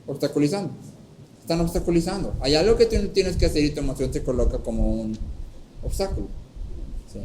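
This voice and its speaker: A man preaching a sermon, teaching step by step and often checking in with a quick "¿sí?", and acting out a story with lively voices. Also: on the high side, a little hiss or hum, low-quality recording. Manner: checks in with frequent "¿sí?". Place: church hall.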